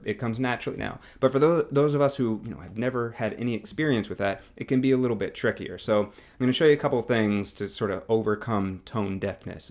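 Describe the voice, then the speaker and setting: A man teaching singing with a guitar, explaining in a relaxed, casual way, with guitar playing under his voice. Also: fairly low pitch, vocal fry. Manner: relaxed explaining, demonstrating on guitar, hums along with notes. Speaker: music teacher.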